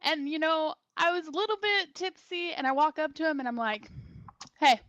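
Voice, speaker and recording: A young woman in her twenties with a high voice tells a drunken story as a podcast guest. She talks casually and with energy, swearing freely and acting out other people's lines. The sound is close and dry. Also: fairly quick, dry recording, dull audio. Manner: animated, swearing, laughing as she acts out quotes.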